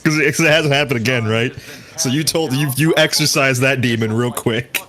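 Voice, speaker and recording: A man's voice: medium pitch, fairly quick, pushed and bright. A man co-hosting a casual game stream, joking and riffing with profane asides. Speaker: stream co-host. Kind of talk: casual gaming stream chat.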